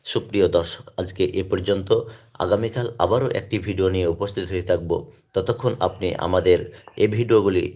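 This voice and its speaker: A man teaching Quran reading, reciting Arabic letters and syllables one by one in a slow, deliberate way, then calmly explaining to viewers. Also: low-pitched.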